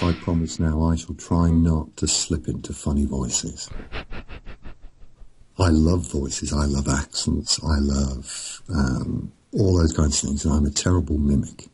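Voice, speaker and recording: A middle-aged man, an author, chatting casually in a slow, rambling, storytelling way with a chuckle here and there. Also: fairly even intonation, darkish tone, a little hiss or hum, poor audio. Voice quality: very deep gravelly voice. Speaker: author and podcast guest. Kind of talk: casual chat.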